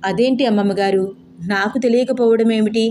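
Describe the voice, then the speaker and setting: A woman's voice: on the high side, steady tone, brisk, dark tone, a little hiss or hum, lightly acted. A woman voicing a cheerful, clever young woman who talks politely and playfully.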